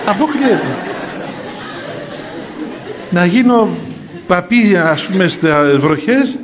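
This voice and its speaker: Chuckling monk telling stories, raised voice. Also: male voice, high-pitched, a crowd in the background. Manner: lively, chuckling, asks rhetorical questions. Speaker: monk and preacher. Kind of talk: storytelling sermon. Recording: dull lo-fi recording.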